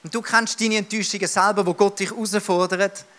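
A man's voice: sits high, fairly even intonation, a little fast, a bit bright. A man in his thirties with a Swiss German accent, preaching a sermon emphatically and addressing the listener directly.

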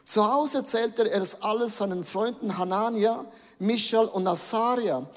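A man's voice: high-pitched, normal speed. A middle-aged man preaching a sermon in a large hall. He preaches with animation and drops English words into his speech.

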